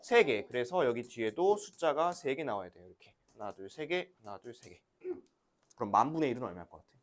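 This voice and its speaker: Woman, elementary teacher, classroom math lesson, patient coaxing questions, very lively pitch. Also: a little fast.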